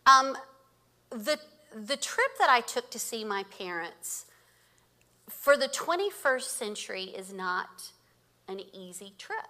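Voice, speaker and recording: Bright-voiced woman in her fifties. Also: on the high side, takes it slowly, pauses often. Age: 50s. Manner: animated storytelling with laughter. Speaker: guest speaker. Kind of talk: sermon.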